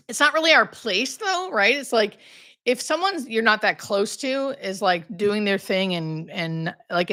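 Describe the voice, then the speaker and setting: A woman's voice: mid-range voice, pushed and bright, no room sound, studio quality. A woman talking candidly and conversationally as a hospice nurse hosting a casual livestream, thinking aloud as she answers questions.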